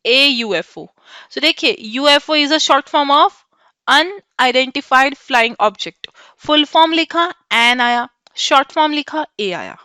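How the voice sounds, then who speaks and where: Indian woman teacher, high and bright, runs a class quiz and calls on students by name. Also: lively intonation, slow, no room sound, clean studio sound. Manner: mixes Hindi and English, quizzes students by name. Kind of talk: online class lesson.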